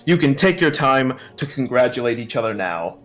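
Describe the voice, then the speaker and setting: A man's voice: medium pitch, very animated, fairly bright tone, soft background music. A man voicing a pompous, scheming male noble trader in a tabletop game. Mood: smug. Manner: haughty, drawn-out speech.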